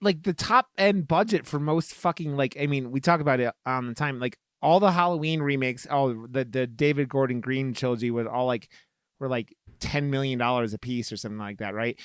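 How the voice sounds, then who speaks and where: A young man chatting loosely as a podcast co-host. He rambles, swears and stacks up fillers, in a middle-pitched voice. The sound is dry and close to the mic. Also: brisk, smooth, no room sound. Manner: rambling, profane, many fillers. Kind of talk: casual chat.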